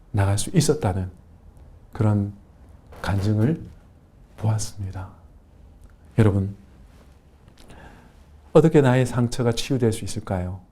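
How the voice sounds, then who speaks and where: A man's voice: mid-range voice, mellow. A male pastor, preaching a sermon in a church with emphatic, repeated affirmations.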